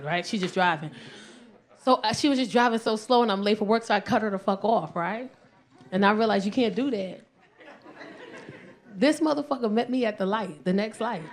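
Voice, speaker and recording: A young woman from New doing a brash, profane stand-up set with crowd work on a club stage. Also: mid-range voice. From South Bronx, New York. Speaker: stand-up comedian.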